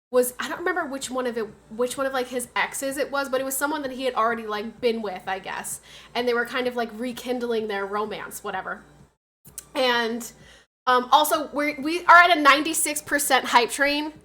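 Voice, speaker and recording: Stuffed up and nasal from a cold, a young woman streamer talks to her viewers in a bright, slightly high register. She drifts loosely from one story to the next in casual livestream chat, filling her sentences with fillers and restarts.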